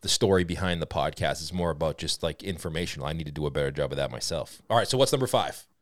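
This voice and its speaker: Fast-talking Boston man hosting a podcast. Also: rumbling low, fairly bright tone, no echo. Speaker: podcast host. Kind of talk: casual podcast conversation.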